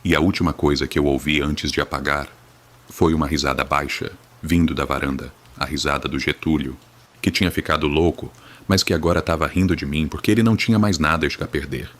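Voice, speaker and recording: A man's voice: extremely low pitch, steady tone, fairly quick, a bit bright. A Brazilian man reading a first-person horror story in a somber, dramatic, grave manner.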